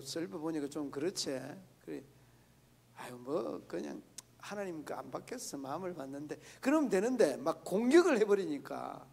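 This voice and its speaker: Gravelly high-voiced pastor preaching. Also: male voice, darkish tone. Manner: conversational, asks the congregation questions. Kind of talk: sermon. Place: church prayer meeting.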